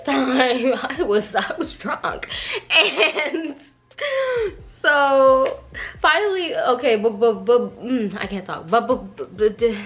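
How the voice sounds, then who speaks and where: A young woman vlogger with a fairly high, slightly bright voice tells an animated, casual storytime. She's slangy and gossipy, acting out bits of dialogue as she goes.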